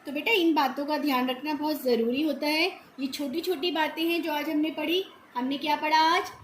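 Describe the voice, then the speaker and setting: High-pitched woman teacher, patient school lesson, echoey room, faint hiss. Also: steady tone. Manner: patient, explains slowly, calls pupils "beta".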